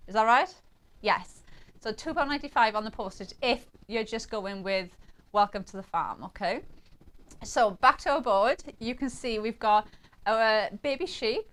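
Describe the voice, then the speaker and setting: A woman's voice: fairly high pitch, animated, moderate pace, a bit bright. Gushing woman selling crafts. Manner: gushing, chatty, coos over cute designs. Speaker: shopping channel presenter. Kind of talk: live selling presentation.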